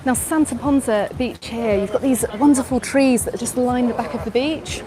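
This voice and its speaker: In a low-quality recording with music underneath, a middle-aged English travel vlogger speaks at normal speed in a slightly high voice with an English accent. She's live-streaming a walking tour on a busy beach promenade at dusk, taking viewers' questions over crowd chatter and traffic.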